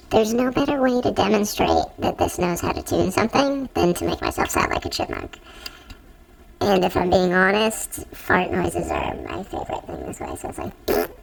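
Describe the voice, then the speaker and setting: A man demonstrating a pitch and formant shifted voice effect on his own voice, talking playfully in a casual tutorial. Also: wildly swooping pitch, unhurried, gravelly, crowd noise, exaggerated voice. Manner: playful, jokey. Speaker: music tech demonstrator. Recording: built-in mic, slightly distant, faint noise.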